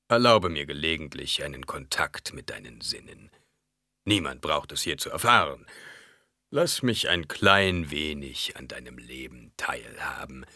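Sly bloated old baron voice, husky and low, purring slowly, as a man puts it on. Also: pushed and bright, dry recording, studio quality, exaggerated voice. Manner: low, oily, drawn-out, sinking to whispers. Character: grossly fat old male baron, sly and wheedling.

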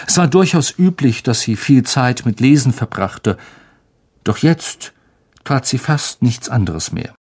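A man narrating an audiobook with a steady storytelling delivery. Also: mid-range voice, slightly rough. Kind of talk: scripted narration.

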